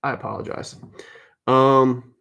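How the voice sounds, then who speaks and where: A man's voice: medium pitch, fairly even intonation, slow pace, vocal fry, a bit bright, smooth. A man hosting a live card break, chatting casually, calling viewers by name and fixing his own mix-ups.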